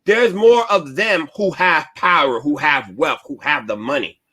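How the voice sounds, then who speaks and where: A man's voice: on the high side, a little slow, pushed and bright. A man hosting a radio talk show, talking in an earnest, searching way with frequent restarts. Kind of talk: casual radio discussion.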